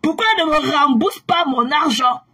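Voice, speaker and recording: A woman ranting angrily on her own livestream, taunting viewers with repeated mocking questions and bursts of shouting. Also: high voice, normal speed. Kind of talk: angry livestream rant at viewers.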